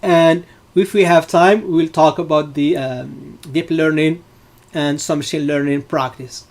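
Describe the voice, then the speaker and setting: Teaching data science live online, a middle-aged instructor from Morocco speaks with a slightly high, darkish and steady voice. His explanations come out in halting, loose phrases packed with filler words as he walks students through each point.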